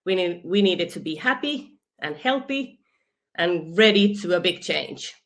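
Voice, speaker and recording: Over a video call, a Finnish woman with a Finnish accent talks as an eager interview guest. Her lowish, fairly bright voice is expressive and measured, and she laughs often and keeps restarting words in this conversational exchange.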